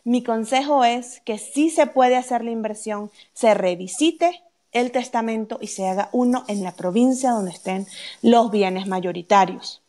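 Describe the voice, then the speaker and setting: A woman with a slightly higher-pitched voice talks through legal questions in a methodical, explanatory way. She keeps checking that the listener is following with a quick "ok?". The tone is that of a live question-and-answer chat. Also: a little mellow. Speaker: legal expert on wills.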